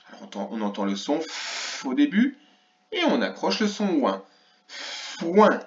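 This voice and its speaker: A man's voice: mid-range voice, big pitch swings, normal speed. A man teaching a reading lesson to young children, stretching out each sound and syllable with exaggerated care. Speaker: primary school teacher. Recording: roomy, slightly dull recording.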